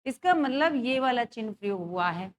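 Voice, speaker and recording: A woman with a high voice teaches an exam-prep grammar lesson. She reads the example sentences slowly and more than once, then keeps asking her students which option is right. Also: expressive. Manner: repeats example sentences slowly, asks the class questions.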